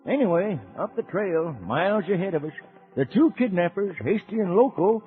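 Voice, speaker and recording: A man's voice: high voice, lively intonation, normal speed. A man playing a folksy old cowboy uncle with an American Western accent, telling children a radio serial. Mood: folksy, eager. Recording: tinny old radio recording, music behind.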